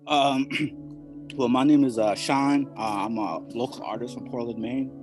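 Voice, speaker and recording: A young man from Somalia, a hip hop artist, speaking in a laid-back, halting way full of fillers. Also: medium pitch, darkish tone, soft background music. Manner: laid-back, halting, constant "you know". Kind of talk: casual interview.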